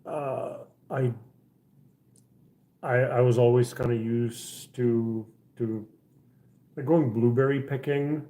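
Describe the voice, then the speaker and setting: A middle-aged man from the Czech Republic talks casually to his livestream viewers from his house. His voice is mellow and dark, and he rambles through plenty of ums and false starts. The room around him is echoey. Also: mid-range voice, fairly even intonation, takes it slowly, long pauses. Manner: rambling, many fillers and restarts. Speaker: livestream host. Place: house interior.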